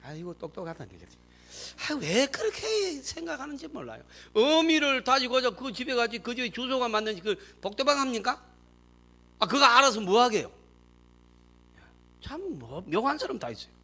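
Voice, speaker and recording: A man preaching a sermon in church as pastor, animated and emphatic, acting out quoted speech. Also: very high voice, fairly quick. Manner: acts out quoted speech in dramatic voices.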